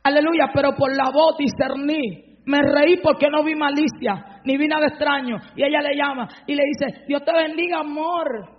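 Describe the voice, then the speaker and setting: A woman preaching a fervent sermon, breaking into shouted praise, on a dull lo-fi recording. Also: high-pitched, fairly even intonation, normal speed, big-room sound.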